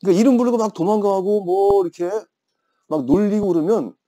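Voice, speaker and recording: A man's voice: high-pitched, fairly quick, warm tone. A man in his fifties teaching an English grammar class, telling playful stories and teasing his students. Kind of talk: classroom lecture with chatty anecdotes.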